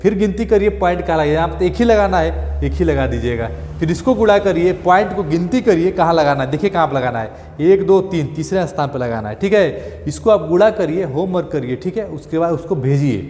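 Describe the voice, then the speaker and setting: A male maths teacher, repeating steps and checking in often with "thik hai" and "clear". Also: a little high, expressive, brisk, hardly any pauses, darkish tone, big-room sound, slight background noise. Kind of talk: classroom maths lesson.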